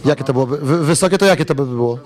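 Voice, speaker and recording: Man, sports reporter, fast questions, stumbles, fillers. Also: medium pitch, darkish tone. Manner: quick, stumbling over words with fillers. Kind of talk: post-match interview questions.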